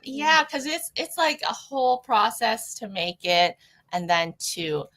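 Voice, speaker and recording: A young woman from Toronto, Canada, whose first language is Cantonese, appears as a guest artist on a podcast and talks casually. She thinks aloud with many fillers and restarts. Her voice is a little high and sing-song, fairly bright, at a measured pace.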